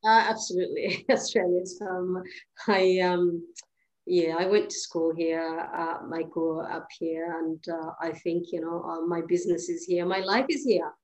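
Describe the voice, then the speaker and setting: A woman's voice: on the low side, fairly even intonation, normal speed, darkish tone, poor audio. Hesitant woman from Eritrea, podcast guest. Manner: hesitant, many restarts and fillers, laughs easily. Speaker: guest, cleaning business founder. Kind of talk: podcast interview, casual conversation. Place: at home during lockdown.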